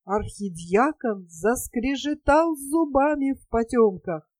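A woman's voice: high voice, lively intonation, takes it slowly, darkish tone, no echo. Woman narrating an audiobook. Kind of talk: scripted narration of a novel.

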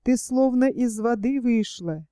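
A woman's voice: a little high, lively intonation, measured pace, dark tone, smooth, dry recording, studio quality. A woman voicing a cheerful young male hunter who jokes and teases, in an audiobook. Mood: teasing. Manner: joking, easygoing.

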